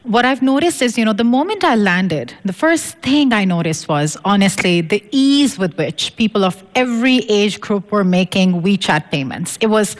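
A woman's voice: medium pitch, expressive, moderate pace, few pauses. A woman from Pakistan speaking as a guest on a studio panel, talking enthusiastically and fluently with frequent "you know" fillers. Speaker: panel guest, research fellow.

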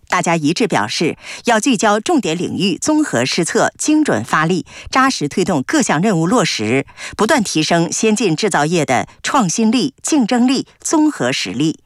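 Low-voiced woman narrating formal news. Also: sing-song, no echo, clean studio sound. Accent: standard Mainland Chinese Mandarin. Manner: formal, measured.

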